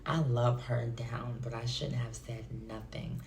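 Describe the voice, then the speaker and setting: A woman with a very low, gravelly voice tells a storytime to her viewers, slow and unhurried. She chats and confides as if with friends. The recording has a roomy echo and a faint background hiss. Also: fairly even intonation, a little mellow. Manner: chatty, confiding, addresses viewers directly. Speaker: storytime vlogger. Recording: echoey room with faint noise.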